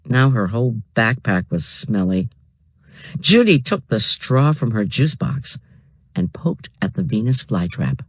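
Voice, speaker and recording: A man narrating a children's storybook aloud, slow and expressive. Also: on the low side, husky, dry recording.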